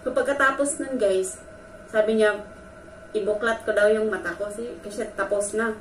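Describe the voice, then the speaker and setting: A woman vlogger speaks directly to her viewers, sharing a personal story in an earnest, emotional way. Her voice sits in the mid range with a steady tone and a moderate pace. The recording sounds distant and echoey, with faint background noise.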